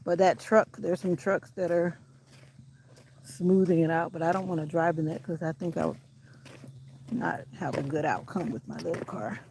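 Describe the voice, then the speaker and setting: A woman's voice: lowish voice, fairly even intonation, normal speed, noisy background. A woman chatting casually while walking a country road, out of breath, filmed on a handheld camera. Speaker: vlogger.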